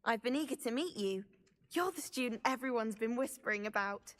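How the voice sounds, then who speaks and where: A teenage witch at school in a video game, friendly and poised. Her fairly high voice is polite and measured, ringing with long hall reverb. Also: animated, a bit bright. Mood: welcoming. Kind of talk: video game character acting.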